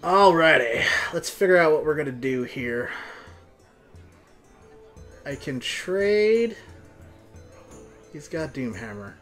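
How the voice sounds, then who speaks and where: A man's voice: a little high, animated, takes it slowly, pauses often, fairly bright tone. A young man giving casual, slangy live game commentary to viewers, moving between exclaiming and muttering. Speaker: video game streamer. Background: game music.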